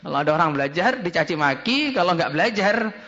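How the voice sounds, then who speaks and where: A male preacher delivers a lively, story-filled sermon full of acted quotes and humor. His voice is high and bright. A long hall reverb and a dull, lo-fi sound surround him. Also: fast talker. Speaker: preacher at an Islamic boarding school.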